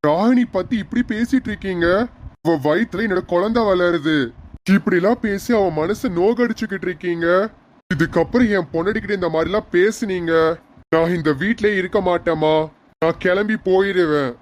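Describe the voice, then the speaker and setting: Woman voicing a low-voiced angry young husband. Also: moderate pace, a little mellow, natural voice. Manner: firm, warning.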